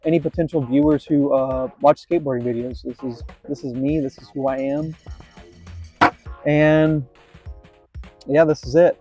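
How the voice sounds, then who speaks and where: With a fairly high pitch but a dark tone, and the highs cut off in the audio, this skateboarding vlogger in his late twenties rambles casually, makes self-deprecating remarks and occasionally swears.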